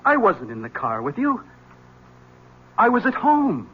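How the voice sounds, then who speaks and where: A defensive, bewildered husband in 1970s radio drama. His fairly high voice is husky and emphatic, with stiff formality. The broadcast sounds old and dull. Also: huge pitch swings, measured pace, exaggerated voice. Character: baffled, defensive husband, an accountant guarding privacy.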